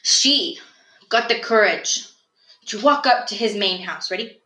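A young woman co-hosting a podcast, telling a folk tale in a rambling, animated way and laughing often. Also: mid-range voice, a little slow, background noise. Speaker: podcast co-host. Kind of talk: casual storytelling chat. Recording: echoey room.

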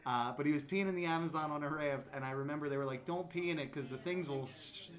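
A man's voice: fairly high pitch, fast. Chatty laughing male podcast host. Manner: rambling, laughs often, many fillers. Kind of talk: casual chat. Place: comic book store.

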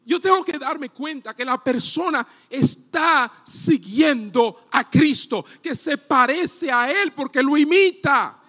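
A male pastor preaching a sermon from a church platform, rising to shouts on key points. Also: very high-pitched, animated, slow pace, hardly any pauses. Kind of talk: sermon with live demonstration.

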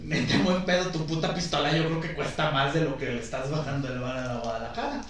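A young man with a Mexican accent telling a story on a casual podcast, full of crude slang and lively retelling. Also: fairly high pitch, fast, a crowd in the background. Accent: Mexican Spanish. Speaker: podcast host. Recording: echoey room, far from mic, faint noise.

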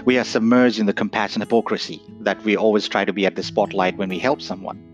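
A man's voice: lowish voice, level tone, quick pace. A man from Nepal giving a reflective, earnest talk, often asking "right?". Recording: dull lo-fi audio with faint guitar.

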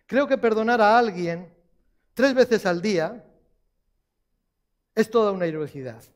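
A man's voice: high-pitched, lively intonation, measured pace. A man preaching a sermon, repeating key phrases for emphasis and putting questions to the congregation.

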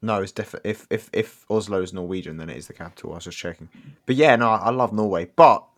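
A man's voice: fairly low pitch, fast talker. A man co-hosting a podcast, blunt and joking, breaking down play in detail. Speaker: podcast co-host. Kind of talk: casual podcast chat.

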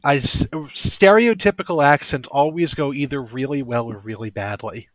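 A man co-hosting a podcast in casual chat over a remote call, teasing and expressive. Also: medium pitch, normal speed, no echo. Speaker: podcast co-host.

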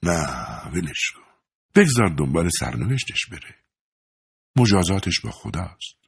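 A man reading a grave, gentle priest detective. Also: on the low side, wildly swooping pitch, breathy edge, pitched above the performer's own voice, exaggerated voice. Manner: quiet, grave. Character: gentle, sorrowful old male priest detective.

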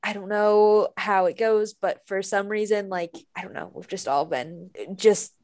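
A woman's voice: medium pitch, measured pace, darkish tone, dry recording. A woman hosting a podcast in a casual, upbeat, chatty way, trailing off into filler asides. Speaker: podcast host. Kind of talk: casual chat.

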